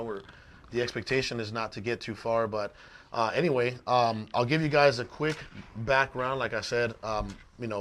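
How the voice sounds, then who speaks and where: A man from Mexico, a guest on a podcast, relaxed and joking with many fillers. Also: mid-range voice. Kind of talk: casual interview storytelling. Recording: faint background noise.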